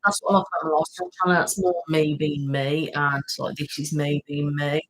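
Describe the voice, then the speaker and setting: A woman hosts a casual live stream from home, rambling on at length and answering viewers' comments. Her voice is low-pitched with fairly even intonation, and she talks a little fast.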